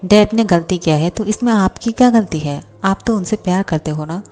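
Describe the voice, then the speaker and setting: A woman's voice: medium pitch, normal speed, darkish tone, natural voice. A woman voicing a lovesick, hot-tempered young male boss who snaps back with indignant questions. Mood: angry.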